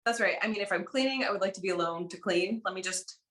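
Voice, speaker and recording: A woman's voice: medium pitch, quick pace, fairly bright tone. A woman in casual chat among friends, laughing through her anecdotes.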